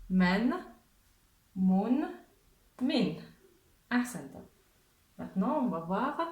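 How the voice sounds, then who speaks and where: Slow, patient woman teaching a lesson. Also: medium pitch, darkish tone, roomy sound. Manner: patient, encouraging, repeats sounds slowly for learners. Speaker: Arabic teacher. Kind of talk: beginner language lesson.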